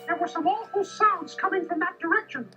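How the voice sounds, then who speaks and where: A man voicing a plucky, cheerful cartoon mouse in a squeaky falsetto for a children's audio storybook, earnest and kindly. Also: brisk. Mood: curious, determined. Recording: dull lo-fi tape, music behind.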